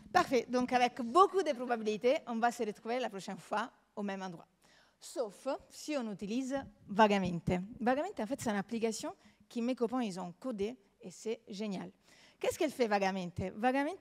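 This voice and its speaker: A woman's voice: a little high, a little mellow. A young woman from Italy, speaking French with an Italian accent, giving a playful, chatty demo of an app to a live audience and talking straight to them. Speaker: student presenter. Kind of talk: live product demo pitch. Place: event stage before an audience.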